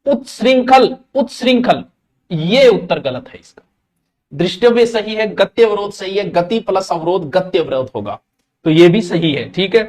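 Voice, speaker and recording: A man's voice: high voice, expressive, normal speed, a little mellow. A man with a Rajasthani accent teaching Hindi grammar in a live online exam-prep class, chatting with students directly and slipping into local dialect.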